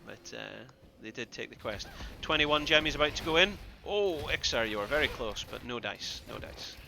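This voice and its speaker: A man giving excitable live play-by-play commentary on an esports match, with bursts of loud exclamations. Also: mid-range voice, normal speed, creaky, slight background noise. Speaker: esports caster.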